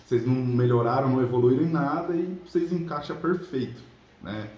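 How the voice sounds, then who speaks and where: The audio is dull, with a roomy echo and clear background noise. A São Paulo state man who coaches on relationships and hosts a channel talks to viewers in a brisk, warm, medium-pitched voice. His style is casual and motivational, colloquial, and dotted with small tag questions.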